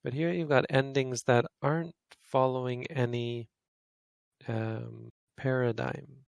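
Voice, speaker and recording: Gravelly-voiced monk teaching grammar. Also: male voice, medium pitch, steady tone, slow, no room sound. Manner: thinks aloud, corrects himself mid-sentence. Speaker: Buddhist monk teaching Pali. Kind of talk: informal grammar lesson to a study group.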